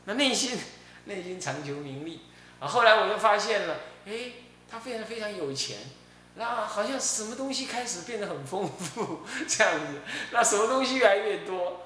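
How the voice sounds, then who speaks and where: Taiwanese Mandarin abbot, chatty dharma talk, very lively pitch, chuckles often, roomy recording with faint hum. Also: male voice, moderate pace. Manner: chatty storytelling with frequent chuckles. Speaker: Buddhist abbot.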